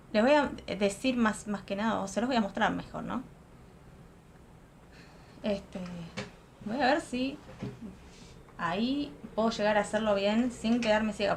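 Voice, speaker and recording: A young adult woman with a fairly high, creaky voice chats casually while doing a makeup tutorial at home, musing aloud. She is a makeup vlogger sitting near a lamp in a home room, and a little hiss or hum is audible.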